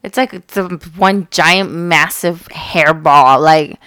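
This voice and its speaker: A woman co-hosting a casual podcast who reacts with drawn-out disgust and teases her partner. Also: low voice, fairly bright tone, clear, resonant tone, no room sound, studio quality. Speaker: podcast co-host.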